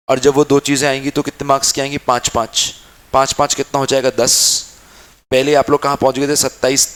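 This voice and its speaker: A young man teaching a class, calling students child and dear, and acting out their questions back and forth. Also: mid-range voice. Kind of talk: classroom lecture.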